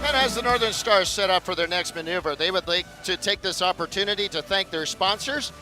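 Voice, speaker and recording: High-pitched male airshow commentator. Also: over music, rough recording. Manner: announcer-like, building showmanship with drawn-out phrases. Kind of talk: live airshow commentary to a crowd.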